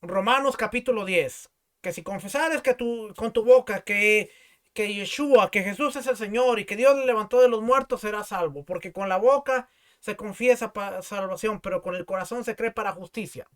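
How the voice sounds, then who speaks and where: A man's voice: high-pitched, moderate pace. A male pastor giving a teaching sermon, reading scripture aloud and explaining it, often repeating words as he finds his place. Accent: Mexican Spanish.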